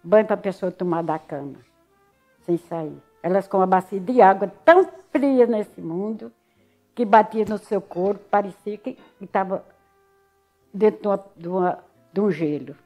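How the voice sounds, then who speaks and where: Her mid-range voice moves at a normal speed over soft background music. This older woman, accented from Alagoas in Northeastern Brazil, shares her story in an easygoing interview, animatedly voicing what others told her.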